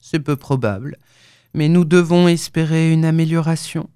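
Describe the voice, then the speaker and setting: A woman reading the lines of a calm, clinical male surgeon with quiet menace in an audiobook. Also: deep voice, moderate pace, clear, resonant tone, dry recording, clean studio sound, natural voice. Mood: quiet control. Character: cold scheming male surgeon, middle-aged.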